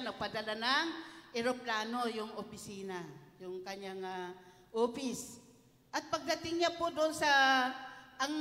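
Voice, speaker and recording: A woman's voice: high voice, a bit bright. Woman preaching in an echoey hall. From Philippines. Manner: storytelling with polite particles and rhetorical questions. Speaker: church speaker. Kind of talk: sermon. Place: church hall.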